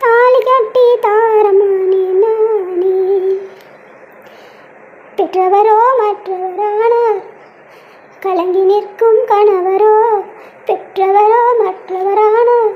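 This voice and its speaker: Voice actor doing Nivetha, squeaky pleading young wife. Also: fairly even intonation, extremely slow, pauses often, narrow, tinny audio, full character voice. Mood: sorrowful singing. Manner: pleading, tearful. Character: young wife torn between husband and parents. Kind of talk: Tamil cartoon voice acting with sung laments.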